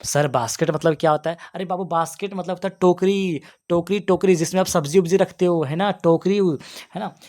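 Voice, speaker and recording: A man's voice: high voice, a little mellow. A young man from Jharkhand teaching school students, reading each English exam question and explaining it in Hindi, repeating answers and asking them questions back. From Jharkhand, India. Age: young adult.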